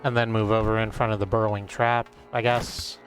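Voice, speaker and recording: A man's voice: on the low side, level tone, fairly quick. A man giving casual video game commentary, thinking aloud in a rambling way as he plays. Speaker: game streamer. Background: music.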